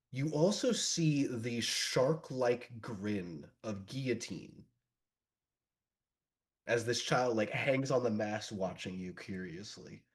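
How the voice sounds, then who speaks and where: A man running a tabletop game as game master. He describes scenes at length, with many fillers and restarts. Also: mid-range voice. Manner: descriptive narration with frequent fillers.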